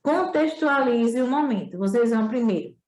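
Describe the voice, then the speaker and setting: A woman's voice: fairly high pitch, lively intonation, moderate pace, a little mellow, roomy sound. A woman teacher with a northeastern Brazilian accent, explaining a remote school lesson with frequent tag questions. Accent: Brazilian Portuguese, northeastern.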